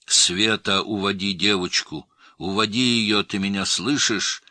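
A man voicing a wounded middle-aged father who gasps out hoarse, desperate pleas in an audiobook. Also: on the low side, fairly even intonation, unhurried, bright, forceful tone, no echo, heavily acted. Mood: urgent shouting. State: wounded, gasping.

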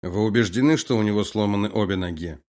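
A man reading an audiobook, voicing a cold, calm male colonel who gives orders and gloats. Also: lowish voice, fast, close to an everyday voice. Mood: cold, commanding.

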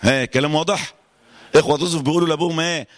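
A man with an Egyptian accent teaching Quran recitation rules to a class, quizzing students and chanting verses slowly to demonstrate. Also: fairly high pitch, steady tone, long reverb tail. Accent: Egyptian Arabic. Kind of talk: classroom lesson on tajweed.

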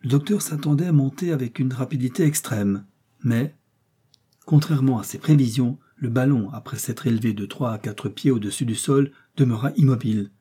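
A man narrating a classic adventure novel in a measured, dramatic storytelling voice. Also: medium pitch, dark tone, husky. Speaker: audiobook narrator. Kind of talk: scripted narration.

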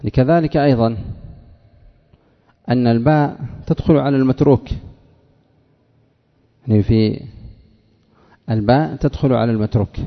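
A man teaching Arabic grammar to a class, repeating examples and quizzing students by name. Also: mid-range voice. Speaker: sheikh teaching Arabic morphology. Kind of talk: classroom lesson with questions to students. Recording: dull lo-fi recording in a reverberant hall.

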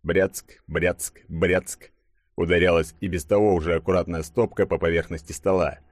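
A man narrating an audiobook in an even, measured way. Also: low voice, no room sound.

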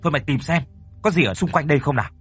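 A man's voice: a little high, racing, fairly bright tone, slightly rough, faint music behind. A man voicing a bossy, hot-tempered older brother who barks orders and scolds. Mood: scornful. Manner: barking, scolding commands.

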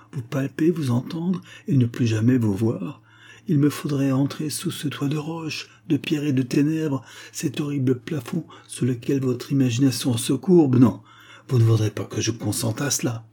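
A man's voice: medium pitch, normal speed, dark tone, slightly rough, pitched above the performer's own voice. A man reading aloud, voicing a passionate young mountaineer who speaks lyrically to the woman he loves. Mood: impassioned.

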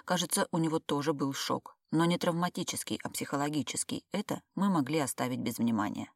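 A woman reading a first-person novel aloud in a steady, tense storytelling manner. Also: low-pitched, brisk, no room sound, studio quality. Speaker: audiobook reader.

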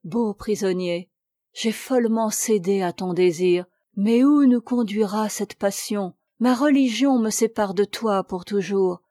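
A woman voicing a gentle young woman from a storybook, speaking tenderly and with sorrow. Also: mid-range voice, unhurried, no room sound, clean studio sound, natural voice. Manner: tender, soft-spoken.

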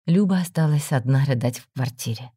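Brief: woman audiobook narrator, steady and mellow, dry close recording. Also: a bass voice, a little fast, breathy edge, dry recording. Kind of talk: audiobook story reading.

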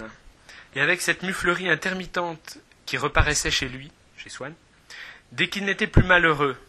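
A man talks through a novel's plot in a loose, chatty way. He hesitates often, corrects himself mid-sentence, and sounds amused. His voice is bright and clear-toned. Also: on the high side. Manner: hesitant, full of fillers and self-corrections. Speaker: book reviewer. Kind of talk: casual spoken book summary.

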